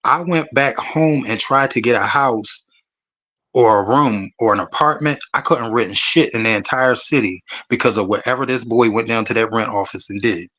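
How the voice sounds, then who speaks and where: A man's voice: mid-range voice, normal speed, sharp tone. Man telling a story, emphatic and profane. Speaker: panelist. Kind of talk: candid storytelling on a panel.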